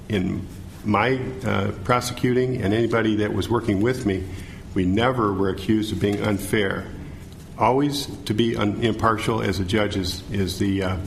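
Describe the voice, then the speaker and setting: A middle-aged American man giving formal answers as a forum candidate, halting and stumbling over words. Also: on the low side, creaky. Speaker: judicial candidate, city attorney. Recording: faint background noise.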